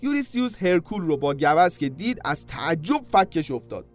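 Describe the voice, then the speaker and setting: A man's voice: on the high side, very animated, soft background music. A man hosting a podcast, telling comic stories in a casual way with joking asides to the listener. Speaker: podcast host and storyteller. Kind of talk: comic storytelling narration.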